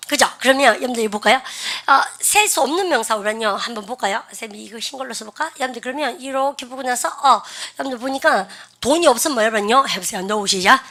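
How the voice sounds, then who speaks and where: Lady teacher, chatty grammar lecture, makes the class repeat after her, kinda high voice. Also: lively intonation, fast talker, hardly any pauses, sharp tone.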